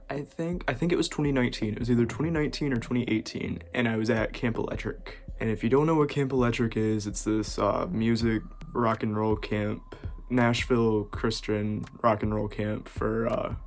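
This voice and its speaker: A man's voice: mid-range voice, darkish tone. A young man telling a casual storytime in a laid-back way, often laughing between lines. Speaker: vlogger.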